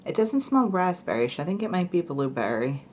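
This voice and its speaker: A woman's voice: fairly low pitch, big pitch swings, moderate pace, a little mellow, slight background noise. A young woman chatting casually through a product review, rambling with fillers like "like" and "you know". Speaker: beauty vlogger.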